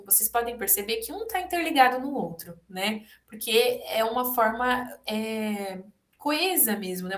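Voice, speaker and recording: A woman with a Brazilian Portuguese accent talks a group of health professionals through a webinar lecture at a mid-range pitch, explaining patiently and checking in with little tag questions. The room around her is roomy and echoey. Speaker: health educator.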